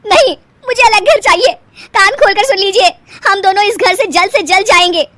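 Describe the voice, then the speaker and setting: A woman voicing a spoiled, quarrelsome young wife who complains loudly and tearfully in a storybook tale. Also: animated, fairly quick, no room sound. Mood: tearful demanding. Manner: shrill, loud, tearful complaining. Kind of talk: storybook voice acting.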